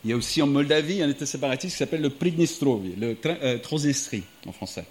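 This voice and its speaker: A middle-aged American diplomat and writer speaks to a live audience at an evening talk in a mid-range, darkish voice that's expressive and fast. He's reflective, seeming to think aloud.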